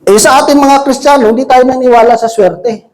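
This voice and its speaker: A man preaching a casual sermon to a congregation, joking and often checking in with quick rhetorical questions. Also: very high voice, darkish tone, rough recording. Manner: jokey, asks the congregation frequent rhetorical questions. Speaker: lay preacher. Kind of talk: conversational sermon. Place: church service with a congregation.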